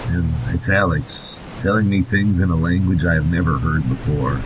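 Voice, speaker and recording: Steady in tone and at normal speed over music, this man co-hosts a podcast with a sardonic, foul-mouthed edge. He alternates casual chat with mocking readings from a horror story, in a rumbling, noisy recording.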